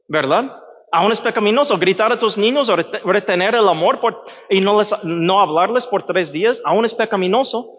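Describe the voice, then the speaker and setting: A man's voice: high-pitched, a bit bright. Man preaching in a reverberant hall. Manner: conversational, asks the audience "¿verdad?" often. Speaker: pastor. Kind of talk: sermon teaching. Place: church hall. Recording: dull sound, long church reverb.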